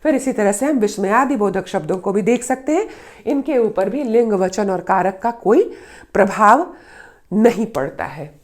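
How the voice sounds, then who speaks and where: A woman's voice: mid-range voice, expressive, moderate pace. A woman teaching Hindi grammar in a patient lesson, repeating her example sentences and stressing the key words. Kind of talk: explanatory lesson.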